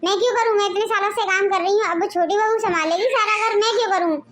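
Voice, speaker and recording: A scheming young wife who dodges her chores, voiced by a woman in a cartoon family drama. The voice sits very high, almost childlike, and turns whiny and theatrical whenever she plays for sympathy. A crowd murmurs faintly behind her. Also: fast. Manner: whiny, melodramatic groaning when faking pain. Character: scheming lazy young wife, the elder daughter-in-law.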